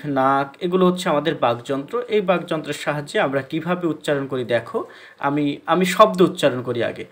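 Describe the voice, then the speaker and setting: A man's voice: a little high, a bit bright. A man teaching a class, explaining step by step and asking questions that he answers himself, with many hesitation sounds. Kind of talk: classroom lecture.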